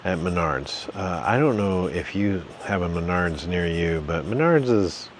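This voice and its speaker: A man's voice: deep voice, lively intonation, measured pace, slight background noise. A man, hosting a casual home vlog, rambling in a folksy, jokey way with lots of fillers. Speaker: channel host, reseller. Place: home basement.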